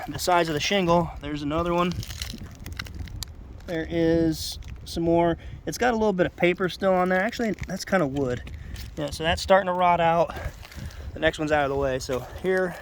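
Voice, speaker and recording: Explaining roofing work hands-on in his own video, a man with a blocked nose speaks informally and without a script, plainspoken and rambling, outdoors atop a house roof. His nasal voice is fairly high, with a little hiss or hum in the audio.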